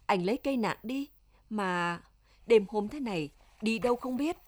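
A woman voicing a frantic, desperate young village wife with high, pleading cries. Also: expressive, normal speed, dry recording, studio quality, close to an everyday voice. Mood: anguished.

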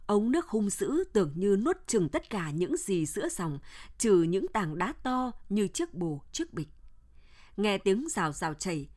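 Woman narrating a novel steadily. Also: mid-range voice. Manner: measured, steady storytelling.

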